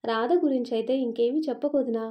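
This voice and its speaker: A woman's voice: on the high side, steady tone, brisk, mellow, close to an everyday voice. A woman voicing a reassuring, kindly middle-aged aunt in a storybook reading. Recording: dull lo-fi recording.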